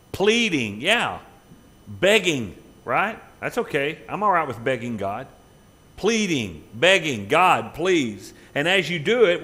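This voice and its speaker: A man's voice: fairly high pitch, a bit bright. Man preaching with rising emphatic passion. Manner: conversational preaching with rhetorical questions, building to emphatic peaks. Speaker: pastor. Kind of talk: sermon. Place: church sanctuary.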